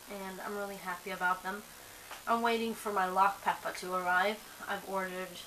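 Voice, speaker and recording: This vlogger, a young Swedish-born woman, talks casually to camera in a rambling, somewhat sleepy way, restarting often and using many fillers. Her voice is medium-pitched and sharp. The recording is low quality, with faint hiss.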